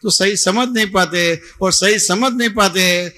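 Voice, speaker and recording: Guy doing satsang q&a, high bright voice, keeps asking if u got it. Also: moderate pace. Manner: patient, repetitive, keeps checking understanding. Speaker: spiritual teacher. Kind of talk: satsang question-and-answer teaching. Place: devotional gathering hall in Ahmedabad.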